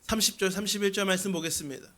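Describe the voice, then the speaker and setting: In a church sanctuary, a senior pastor preaches his Sunday sermon, speaking earnestly to the congregation and posing rhetorical questions. His high voice races along, pushed and bright.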